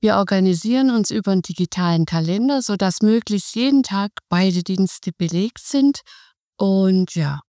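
Speaking at a medium pitch, a middle-aged woman who volunteers in hospice care talks as an interview guest on a podcast. She lays things out in calm, measured steps, her tone mellow and warm, in a close, dry recording.

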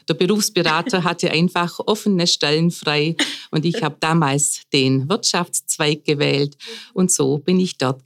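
Low-voiced woman in her fifties. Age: 50s. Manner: thoughtful, explains at length with fillers. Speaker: palliative care coordinator. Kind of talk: conversational podcast interview.

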